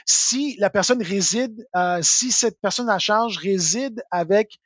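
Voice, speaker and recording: A Québécois man explains tax rules in a live question session, chatty and full of fillers. His voice sits high. The sound is dry and a little dull. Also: takes it slowly, fairly bright tone, no echo. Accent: Québécois French. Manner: informal, full of filler words and tag "là". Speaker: tax software expert answering questions.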